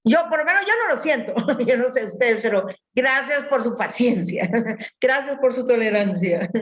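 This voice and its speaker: A woman giving a motivational talk, animated and laughing at herself, acting out the voices she quotes. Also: a little high, moderate pace. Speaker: speaker. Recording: dull lo-fi sound.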